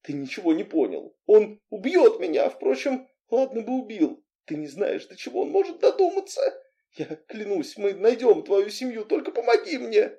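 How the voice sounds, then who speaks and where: Audiobook heroine, young woman, fierce and pleading, pitched way up, read by a man. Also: sing-song, moderate pace. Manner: pleading, sharp-tongued.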